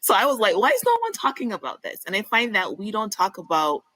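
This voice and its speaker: A woman from Barbados, a physician guest on a podcast, explaining clearly and speaking candidly. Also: medium pitch, wildly swooping pitch, fast, a bit bright, no echo, poor audio. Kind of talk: conversational podcast interview.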